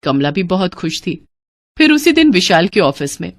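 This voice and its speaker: A woman reading scripted narration for a cartoon moral story in a clear, expressive storyteller manner. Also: fairly low pitch, moderate pace, no echo. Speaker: narrator and voice of female figures.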